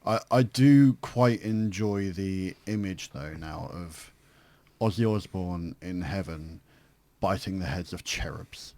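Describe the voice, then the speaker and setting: A man co-hosting a podcast, bantering loudly with swearing and laughter. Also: low-pitched, slow, no echo. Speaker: podcast co-host.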